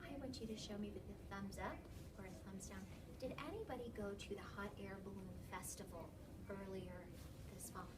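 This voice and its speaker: A medium-pitched woman teacher reads aloud slightly fast to a class of young children, explaining and stopping to ask questions, often with "okay". A distant mic across the room captures her along with classroom noise.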